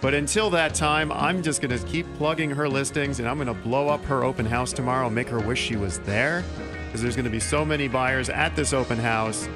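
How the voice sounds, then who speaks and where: A man in his thirties hosting a local radio talk show in a small studio, speaking into a studio mic with quick, joking delivery. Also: medium pitch, over music. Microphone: studio mic on boom arm.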